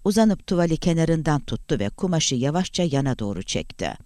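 A man narrating an audiobook in a dramatic, expressive reading style. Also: fairly high pitch, brisk, no room sound, clean studio sound. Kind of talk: scripted narration.

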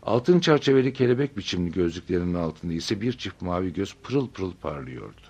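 Male audiobook narrator, low and husky, steady measured storytelling.

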